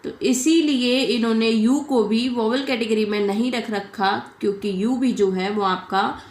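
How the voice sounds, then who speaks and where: High-voiced woman teaching in a roomy space. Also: steady tone, unhurried. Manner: explains step by step, asking and answering her own questions; mixes English terms into her explanations. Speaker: shorthand teacher. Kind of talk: online classroom lesson.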